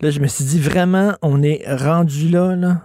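A man's voice: fairly high pitch, steady tone, moderate pace, dark tone, no echo, clean studio sound. A man with a Quebec French accent hosting a radio show, chatty and emphatic with lots of fillers. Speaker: radio host. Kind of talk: casual radio talk.

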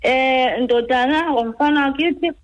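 Higher-voiced South African woman doctor explaining. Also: dull audio. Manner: halting, repeats word beginnings. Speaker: doctor, guest expert. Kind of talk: explaining medical advice on radio.

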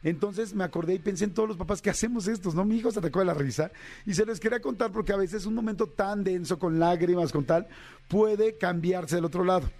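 A man's voice: high voice, fast talker, vocal fry, darkish tone. A man, a radio host telling a personal story in a chatty way with many fillers. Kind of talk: casual storytelling monologue.

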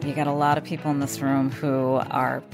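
Low gravelly woman hosting. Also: flat delivery, a little fast, music in the background. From upstate New York. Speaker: podcast host. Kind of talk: casual interview chat.

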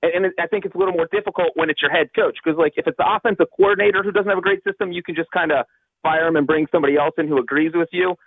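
A man from Cincinnati calling in over the phone as a guest analyst on a sports radio show, talking fast and sure of himself with plenty of fillers. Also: fairly high pitch, dry recording. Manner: quick, confident, thinks aloud with fillers. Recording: tinny phone line.

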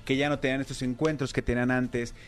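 A man with a Mexican accent, co-hosting a casual comedic chat and telling a story in an animated, jokey way with plenty of fillers. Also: medium pitch, fast. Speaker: podcast co-host telling a news story.

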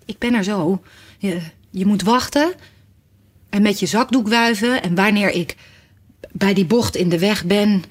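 A gentle, eccentric storybook knight, played by a woman, speaks in an earnest, measured rhythm. His words come slowly, with steady and unhurried care. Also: medium pitch, slightly rough.

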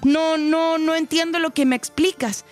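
A woman voicing a young male dinosaur who throws tantrums, talking in a shrill, whiny way and often shouting. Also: fairly even intonation, moderate pace, faint music behind. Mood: confused.

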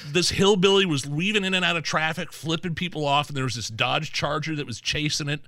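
A man's voice: on the high side, a little fast, bright, forceful tone. A man co-hosting a radio show with casual comic banter and exclamatory storytelling.

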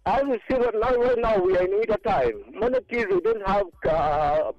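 Sex: man. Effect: clipped, poor phone line. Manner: hesitant, full of restarts. Pitch: very high, lively. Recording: muffled phone line, faint music. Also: creaky, no echo. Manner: hesitant, many pauses and restarts. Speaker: charity founder calling in. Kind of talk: radio phone-in interview.

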